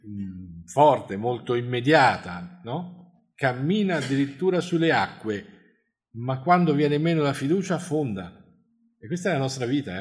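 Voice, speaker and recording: Halting man giving a reflective sermon. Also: mid-range voice. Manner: halting, restarts words, tag questions. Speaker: preacher. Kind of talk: reflective sermon with scripture reading.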